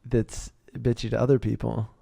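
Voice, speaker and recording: A man's voice: medium pitch, flat delivery, moderate pace, gravelly, dark tone, no echo, studio quality. A man hosting a podcast, chatting casually and joking with frequent laughs. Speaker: podcast host. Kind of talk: casual chat.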